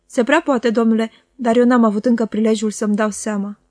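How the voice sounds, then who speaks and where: A woman's voice: a little high, steady tone, no echo, studio quality, close to an everyday voice. A woman reading the lines of a thin, middle-aged male waiter in an audiobook, giving polite, noncommittal replies.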